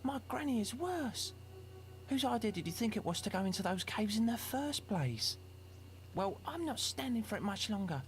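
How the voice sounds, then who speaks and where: A woman's voice: medium pitch, natural voice. A whiny, restless young boy played by a woman in a video game, his voice bouncing up and down. Faint game music sits underneath him.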